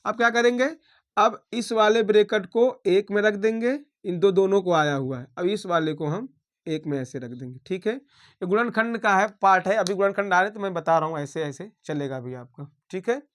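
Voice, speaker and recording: A male maths teacher talks through a problem at a steady classroom pace, naming every sign and step as he works. His voice sits noticeably high for a man. He keeps checking in with the class. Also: moderate pace. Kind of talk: blackboard maths lesson.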